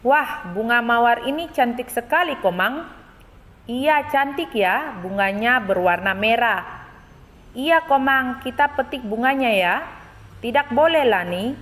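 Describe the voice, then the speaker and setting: A woman teacher reading a children's textbook dialogue aloud, lifting her voice high and lilting for two young schoolchildren. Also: animated, unhurried, fairly bright tone, in a large hall. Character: two young schoolchildren chatting about flowers.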